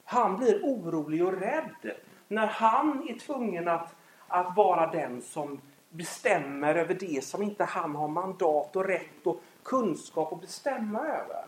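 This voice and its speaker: Animated man telling a faith story. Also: sits high, slight background noise. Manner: animated storytelling, acts out scenes. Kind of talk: faith talk with personal story. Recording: echoey room.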